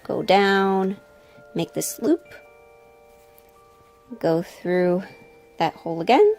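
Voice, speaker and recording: Drawing out her words, a woman with a fairly low, darkish voice narrates a craft tutorial in an expressive, relaxed way over faint background music. She's a sewing vlogger who chats informally, with mild swearing and some voice-over.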